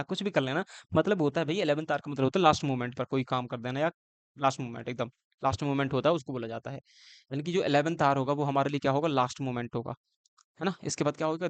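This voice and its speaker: Man, exam-coaching teacher, slightly high pitch, dry close sound, asks and answers his own questions. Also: no room sound. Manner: explains with repeated questions and answers; switches between Hindi and English phrases. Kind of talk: exam-prep lecture.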